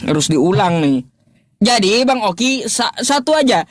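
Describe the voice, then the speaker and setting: A man's voice: high-pitched, big pitch swings, no echo. A man in a live-streamed religious debate, asking mocking, repeated rhetorical questions with laughter and stopping often to fiddle with his laptop. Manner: pauses, restarts and fumbles with his laptop.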